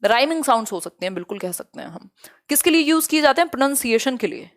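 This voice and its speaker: A young woman teaching an online exam-prep lecture, brisk and chatty, mixing in English terms. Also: sits high, big pitch swings.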